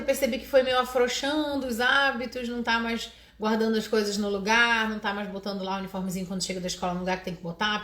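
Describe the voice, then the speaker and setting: A woman's voice: fairly high pitch, fairly bright tone. Woman with a Brazilian accent, roomy sound. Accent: Brazilian Portuguese. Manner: conversational, frequent tag questions and restarts. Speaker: parenting podcast host. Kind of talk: casual advice monologue. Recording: roomy echo.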